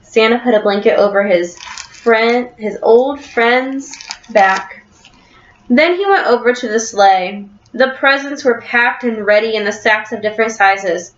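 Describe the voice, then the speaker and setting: A female teacher with a fairly high voice reads a story aloud to her class, cheering a student on with quick questions. The audio comes from a computer webcam in the classroom, sounding echoey, dull and lo-fi.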